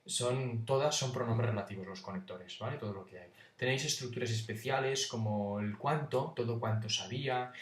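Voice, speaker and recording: A man's voice: mid-range voice, normal speed, hardly any pauses, distant mic. A man giving an informal exam-prep lesson, stopping to check in with his students at almost every step. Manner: informal, checks in with "¿vale?" constantly. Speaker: teacher. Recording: echoey room, voice off-mic.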